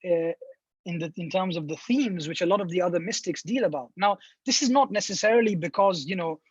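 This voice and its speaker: A professor from India answers questions in an academic seminar talk, thinking each idea through with many restarts and fillers while speaking a little fast. His husky voice sits fairly high for a man, and the audio is dry, echo-free, and a little muffled, like a call.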